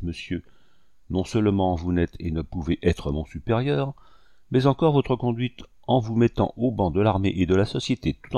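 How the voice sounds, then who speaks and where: A man's voice: fairly low pitch, dark tone, dry recording. A man reading an audiobook voices a young army captain who speaks coldly, ironically and with contempt.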